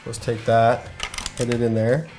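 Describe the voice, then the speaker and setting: A man with a mid-pitched voice hosts a casual cooking show, upbeat and chatty as he talks viewers through each step. Faint music and the sizzle of frying sit quietly behind him. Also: flat delivery, a little slow. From Minnesota. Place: garage kitchen. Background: faint background music and frying.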